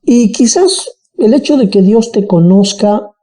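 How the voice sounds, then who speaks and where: A Bible teacher speaks with a Bolivian highland accent in a very dark, mellow tone. The delivery is animated, with frequent check-ins with the listeners. This is a Bible study lesson. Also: a little slow. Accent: Bolivian highland (colla).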